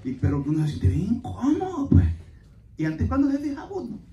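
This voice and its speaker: A man preaching a sermon as pastor, telling folksy stories to his congregation and breaking into loud exclamations. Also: very high voice, wildly swooping pitch, brisk. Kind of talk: Spanish-language church sermon. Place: church sanctuary. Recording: echoey church hall, mic at a distance.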